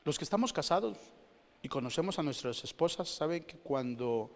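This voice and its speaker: A man preaching from the pulpit, his somewhat high voice ringing out with a long reverb from the church hall. He talks to the congregation in a lively, conversational way, asking questions, then swings from loud exclamations to hushed asides. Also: moderate pace. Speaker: pastor. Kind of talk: sermon.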